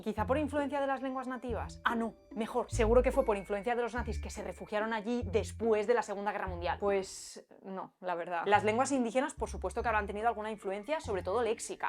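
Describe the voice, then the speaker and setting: A woman hosting a linguistics lesson, lively and playful, asking herself rhetorical questions. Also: mid-range voice. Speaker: linguistics video host. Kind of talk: scripted educational explainer. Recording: light background music.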